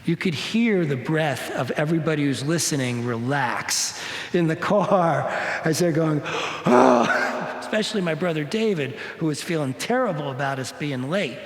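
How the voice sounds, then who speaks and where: A male minister giving a spiritual talk, telling a personal story in an animated way and acting out the voices of the people in it. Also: a little high, moderate pace. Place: church hall. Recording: echoey hall.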